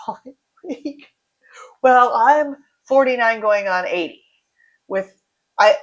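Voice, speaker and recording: A woman in her forties hosting a casual livestream, reading out viewer comments and chatting in a rambling way, drifting off into asides. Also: mid-range voice. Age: 40s.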